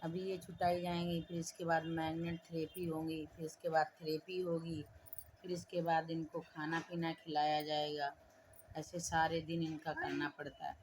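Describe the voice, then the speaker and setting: A woman with a lowish voice talks through a phone vlog at home, matter-of-fact and patient as she walks through a child's day. Her voice sits a touch low, and a faint hiss runs under the room. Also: level tone, moderate pace, a little mellow. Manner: coaxing, repeats prompts to the child; plain, matter-of-fact explaining.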